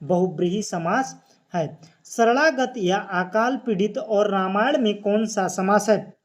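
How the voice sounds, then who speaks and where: A teacher giving an exam-prep lesson, explaining step by step, asking questions and then answering them, and repeating key phrases. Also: mid-range voice. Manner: casual, friendly sign-off asking viewers to like and subscribe.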